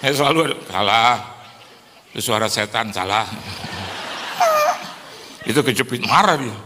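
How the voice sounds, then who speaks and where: A man's voice: medium pitch, racing. A man preaching a humorous sermon, telling stories and acting out other people's voices, laughing often. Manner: animated, acts out quoted voices, laughs often. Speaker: pastor. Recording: hall reverb with faint noise.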